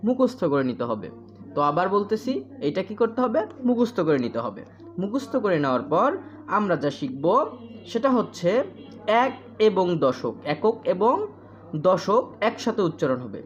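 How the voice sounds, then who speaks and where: Casting: woman math teacher, low voice that rises and falls a lot, dull lo-fi audio. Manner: repeats questions and answers, counts out place values slowly. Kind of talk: primary school math lesson. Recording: dull lo-fi sound.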